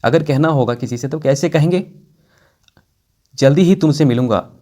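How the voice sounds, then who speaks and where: Indian man teaching English, slow repetitions. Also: on the high side, warm tone. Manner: explains patiently, repeats example sentences slowly. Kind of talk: casual spoken English lesson.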